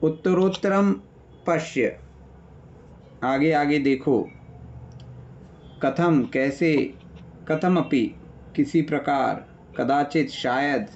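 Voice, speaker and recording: Slow gravelly-voiced male teacher. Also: a little high, muffled recording, slight background noise. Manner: patient explainer, lists word meanings, checks in with "है ना?". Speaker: Sanskrit teacher. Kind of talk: online class revision lecture.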